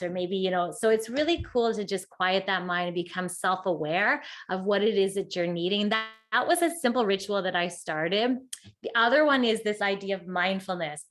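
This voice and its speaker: This woman speaks at a medium pitch with a fairly bright tone. She's an author appearing as a guest in an interview, talking passionately and casually in quick bursts, dropping "like" again and again.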